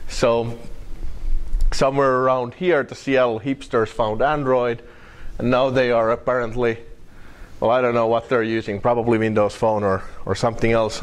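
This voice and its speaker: Finnish man giving a wry technical talk. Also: mid-range voice. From Finland. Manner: wry, halting, many fillers and restarts. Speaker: conference speaker.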